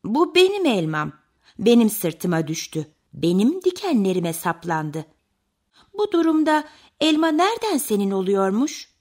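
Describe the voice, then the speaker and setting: Woman putting on a prickly storybook hedgehog, indignant, slow then sharp, husky. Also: medium pitch, sing-song.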